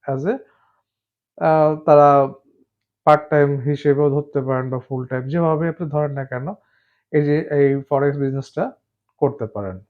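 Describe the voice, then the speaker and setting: A man casually explaining forex trading, talking in a hesitant, halting way with many filler sounds and restarts, dropping in English terms. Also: a little high, phone-quality sound. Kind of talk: casual explainer talk to camera.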